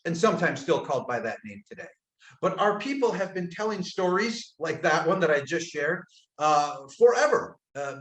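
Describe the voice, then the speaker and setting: A soft-spoken man from upstate New York, his voice a little high, tells stories casually as a guest on a webinar, recorded indoors abroad in Croatia in an echoey room. He's thoughtful, pausing often with "uh," and his phrases trail off softly.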